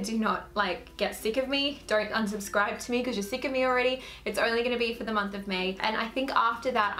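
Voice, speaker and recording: A woman's voice: medium pitch, a bit bright. A woman in her twenties with an Australian accent, chatting casually to camera in a Q&A and filling her talk with "like". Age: 20s. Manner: chatty, filler-heavy with frequent "like". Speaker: YouTuber.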